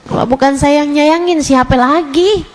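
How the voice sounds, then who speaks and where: A woman in middle age delivers a gentle Islamic sermon in a high, light voice. She talks conversationally and slips into soft, repeated prayer phrases. Now and then she imitates the people she is advising. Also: normal speed. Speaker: female Islamic preacher.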